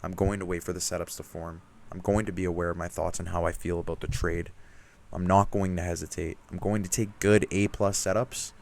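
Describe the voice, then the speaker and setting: A man's voice: low voice, level tone, brisk, gravelly, darkish tone. A young man venting about his week of trading in a candid, self-critical vlog rant, emphatic and frustrated, with casual slang. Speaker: trading vlogger.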